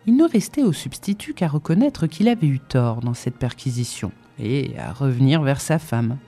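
A woman narrating a story in an expressive, dramatic storybook reading. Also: rumbling low, normal speed, breathy edge, faint music behind.

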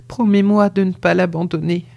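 An audiobook reader voicing a dying young woman who pleads weakly, breathy and halting, short of breath. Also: mid-range voice, steady tone, warm tone, pitched above the performer's own voice, close to an everyday voice. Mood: imploring. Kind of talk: audiobook reading.

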